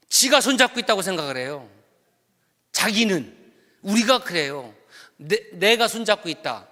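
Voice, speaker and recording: Pastor preaching to his church, animated and sharp, leads the room in reading and jokes a lot; long church-hall reverb. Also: on the high side. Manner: playful, jokes with the congregation and leads them in reading aloud. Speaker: senior pastor. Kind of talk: sermon at a Friday worship service. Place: church sanctuary.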